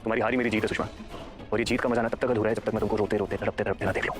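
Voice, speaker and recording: A man's voice: on the low side, little pitch movement, racing, natural voice. An actor playing a smug, vengeful husband plotting against his wife in a melodramatic drama. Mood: gloating. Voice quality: smug, gloating. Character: scheming vengeful husband, middle-aged villain. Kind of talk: melodramatic web-series acting. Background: background music.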